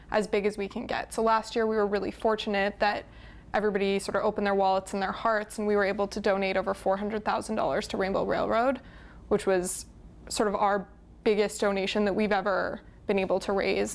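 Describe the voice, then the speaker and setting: Flat, gravelly-voiced charity woman. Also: mid-range voice. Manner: fluent, upbeat explaining. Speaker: charity foundation representative. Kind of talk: studio interview answers. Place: TV studio.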